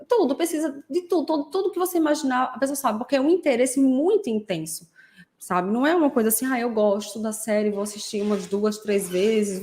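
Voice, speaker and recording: A woman hosting a podcast who explains things in a relaxed way. She often adds tag questions and acts out short examples. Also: medium pitch. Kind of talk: casual explanatory podcast talk.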